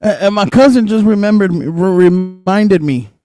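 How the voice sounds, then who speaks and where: A young man co-hosting a casual chat show, talking in an animated, excitable way and swearing freely. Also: high voice, moderate pace. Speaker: co-host.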